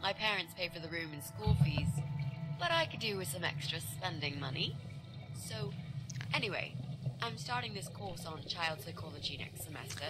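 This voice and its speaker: An actress voicing a young female student, a bright, fast talker who schemes. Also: lowish voice, very animated, rough recording. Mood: scheming. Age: young adult. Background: game music.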